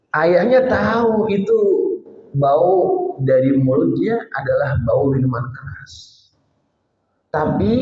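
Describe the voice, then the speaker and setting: A man preaching a storytelling sermon, speaking directly to his congregation with dramatic pauses. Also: fairly high pitch, darkish tone. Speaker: Islamic preacher. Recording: roomy, slightly muffled hall recording.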